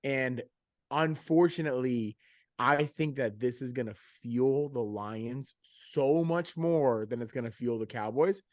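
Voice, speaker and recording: A man co-hosting a casual sports podcast, talking in an animated, rambling way and often cutting himself off. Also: mid-range voice, a little slow, no room sound, studio quality. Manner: animated, rambling, self-interrupting. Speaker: podcast co-host.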